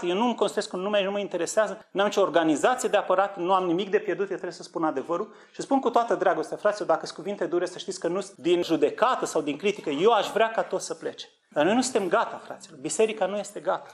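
Impassioned male preacher, urgent and fervent. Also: few pauses. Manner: impassioned, urgent exhortation with rhetorical questions; swings between low earnest tones and high fervent outbursts. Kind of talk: sermon on end-times prophecy.

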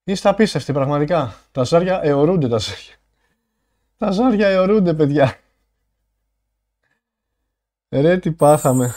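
A male livestreamer with a somewhat high voice, chatting casually with his viewers. He is out of breath and bursts into excited thanks for donations.

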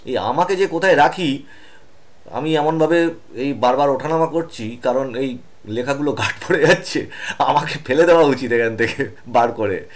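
A man's voice: mid-range voice, normal speed. A man teaching an online exam-prep lesson, reading out lists of essay topics year by year and stopping to explain, with fillers between items.

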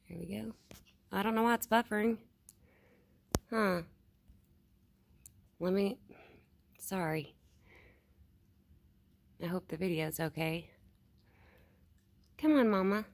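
A young woman, coaxing an animal in a sweet high voice and talking to her live-stream viewers in a lower tone. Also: fairly even intonation, slow pace, creaky, long pauses. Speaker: vlogger feeding a wild raccoon. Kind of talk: casual live-stream chat. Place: outdoors at night, rural home.

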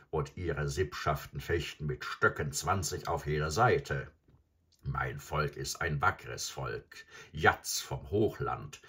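A man reads as a huge old crocodile from a storybook with a voice that sits very low and sounds husky and grainy. He is boastful and sly and savors every word. His telling moves slowly but rises and falls a lot. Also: pushed and bright, heavily acted.

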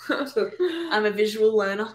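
A woman's voice: mid-range voice, expressive, takes it slowly. A young woman with an Australian accent, co-hosting a casual podcast chat, talking in a rambling way with lots of fillers and restarts. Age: young adult. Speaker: podcast co-host.

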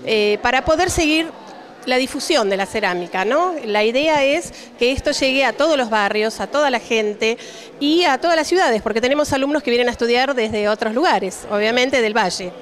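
A woman's voice: on the high side, animated, normal speed. Argentine woman teacher, frequent fillers. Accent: Argentine Spanish. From Cipolletti, Argentina. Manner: warm-hearted, many "eh" fillers. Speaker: ceramics teacher. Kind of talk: casual interview answers. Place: indoor exhibition hall. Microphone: handheld reporter mic.

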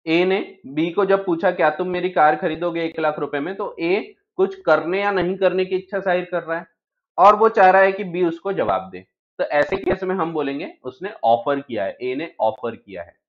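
A man gives an exam-prep law lecture with a fairly high voice. He reads English legal text slowly and then explains it in Hindi, asking the class questions and answering them himself. The recording sounds dull and lo-fi. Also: lively intonation. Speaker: law teacher.

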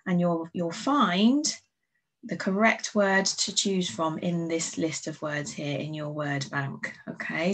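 Breathy English woman teaching phonics. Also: on the low side, rough recording. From England. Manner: slow, clear sounding-out of letters and words; encouraging, patient instructions to children. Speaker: primary school teacher. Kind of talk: recorded phonics lesson for young children.

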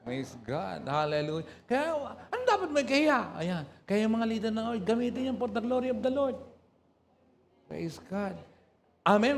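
Older man, Pangasinan accent, high voice, animated teasing sermon with call-and-response. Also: gravelly. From Pangasinan, Philippines. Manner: animated, teasing, laughs often. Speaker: pastor.

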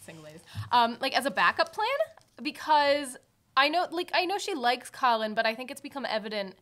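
Wry young woman, higher-pitched voice. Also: animated, normal speed, fairly bright tone. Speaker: podcast co-host. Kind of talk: casual chat, TV show recap. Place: small indoor podcast set with bookshelves. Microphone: desk microphone on a stand, close.

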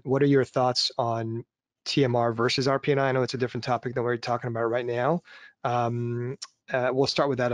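A man's voice: mid-range voice, dry recording. Dry-sounding man asking questions on a video call. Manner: halting, many fillers and restarts. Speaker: webinar moderator and surgeon. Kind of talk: conversational Q&A.

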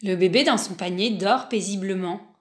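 A woman narrating a children's picture book in an unhurried way, adding sighs and little exclamations. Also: medium pitch. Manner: unhurried, with sighs and spoken interjections. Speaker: storyteller.

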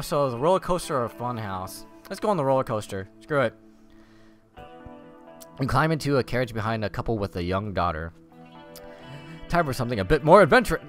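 A man's voice: mid-range voice, fairly bright tone. Sarcastic man reading game text aloud. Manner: sarcastic, swears and laughs at the story. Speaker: let's play host.

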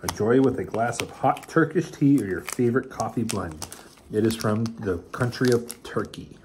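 A man's voice: fairly low pitch, moderate pace, background noise. A father casually reviewing snacks with his child, reading the package blurbs aloud and teasing playfully.

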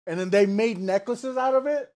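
A man's voice: high-pitched, moderate pace, a little mellow. A man co-hosting a podcast in casual chat, laid-back and hesitant, with many fillers. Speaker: podcast co-host.

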